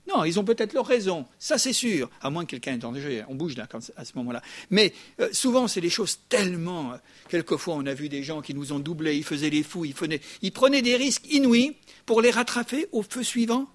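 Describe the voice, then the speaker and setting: An older man preaching a sermon, his voice sitting a little high for a man. He talks to the congregation like a neighbour, lively and conversational, with frequent quick asides. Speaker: pastor.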